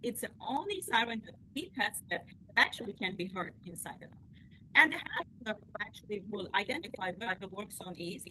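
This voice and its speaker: A woman's voice: mid-range voice, very animated, brisk, sharp tone, a little hiss or hum, low-quality recording. A woman giving a technical presentation over a video call, hesitant with many fillers, her audio choppy and cutting out. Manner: hesitant, many fillers, non-standard grammar. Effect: choppy audio that keeps cutting out over a bad connection. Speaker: researcher presenting a project. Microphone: computer mic on a video call.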